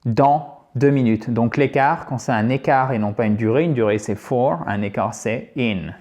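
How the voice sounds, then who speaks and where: A man teaching an English grammar lesson on video, lively and chatty, often checking in with his viewers. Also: medium pitch, normal speed.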